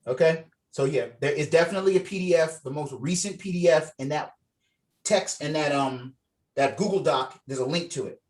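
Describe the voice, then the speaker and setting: Over a video call microphone, a man with a voice on the high side, brisk and a little mellow, leads a script read. He's informal and encouraging, chatting casually and reading out the scene directions.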